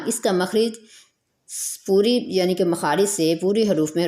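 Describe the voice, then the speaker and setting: A woman teaching Quran recitation, explaining pronunciation slowly and repeating each point, and drawing out letter sounds as models. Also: lowish voice, a little mellow.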